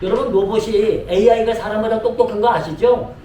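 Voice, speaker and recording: A man's voice: high-pitched, fairly even intonation, fairly quick, dark tone, slight background noise. Man, pastor, sermon, repeats lines, addresses the congregation, distant mic, reverberant hall. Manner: repetitive, calls out to the congregation. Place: church sanctuary. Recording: echoey room mic from a distance.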